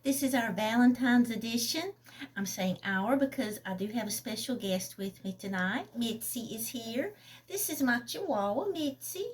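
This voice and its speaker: A woman chatting casually, then reading a passage from her own novel aloud in an unhurried way. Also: on the high side, lively intonation.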